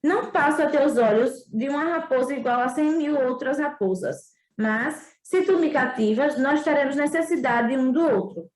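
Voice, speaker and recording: Woman doing a calm, wise storybook fox with a Northeastern Brazilian accent. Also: high voice, normal speed, few pauses, echoey room, lightly acted, poor audio. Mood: explaining. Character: wise patient female fox.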